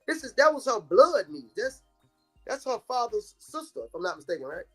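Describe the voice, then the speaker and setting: A man's voice: very high-pitched, brisk, soft background music. A man, a bereaved father, telling the story of his daughter's death on a live-stream interview. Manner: animated, vernacular storytelling. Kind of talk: emotional personal account.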